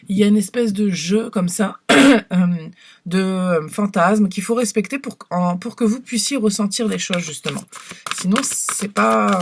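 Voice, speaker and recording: A woman with a husky, breathy voice leads a laid-back tarot reading for her viewers. She speaks softly and hesitantly, often pausing to restart her sentences. Her pitch sits in a middle range. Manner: hesitant, many fillers and restarts, soft-spoken. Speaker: tarot card reader. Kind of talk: casual tarot reading to camera.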